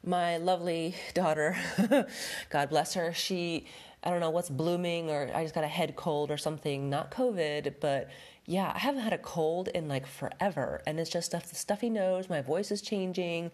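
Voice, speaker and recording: Stuffed up with a head cold, this middle-aged home stager hosts her home decorating podcast solo, chatty and rambling, with many fillers. She speaks in a lowish, slightly mellow voice at a normal speed.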